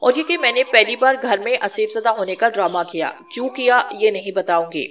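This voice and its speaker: A woman's voice: fairly high pitch, fairly bright tone, distant mic, natural voice. A woman voicing a cheeky, lovesick young woman who teases and talks crudely. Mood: confiding. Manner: teasing, crude, playful.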